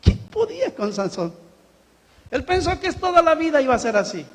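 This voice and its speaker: A man's voice: very high voice, huge pitch swings, moderate pace. A man preaching a sermon in a church hall, acting out the quotes he tells and laughing now and then. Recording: long hall reverb.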